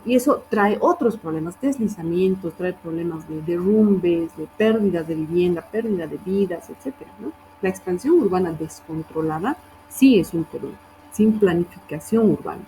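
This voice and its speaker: A woman's voice: mid-range voice, dark tone, slight background noise, poor audio. A woman teacher reviewing student assignments, correcting wording and often checking in with her class.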